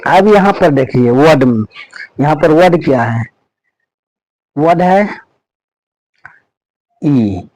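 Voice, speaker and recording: Slow-explaining male teacher, higher voice. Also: expressive, a little mellow, dry recording, poor audio. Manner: repetitive, checks in constantly with "okay"; spells out letters and sounds step by step. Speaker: English pronunciation teacher. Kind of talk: classroom-style lesson explanation.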